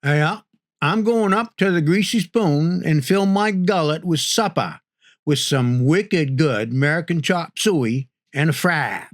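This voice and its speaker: A man's voice: a little high, animated, a little slow, dry recording. A man putting on a folksy rural Yankee local with a Maine and New Hampshire accent, drawling and slangy as he demonstrates how people talk up there.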